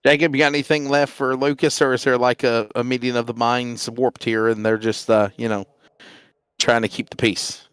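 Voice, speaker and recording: A man's voice: medium pitch, flat delivery, moderate pace, fairly bright tone, smooth, no echo, clean studio sound. A man hosting a sim racing broadcast, chatty and teasing, interviewing a driver. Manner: teasing, chatty, laughs easily. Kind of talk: casual race broadcast interview.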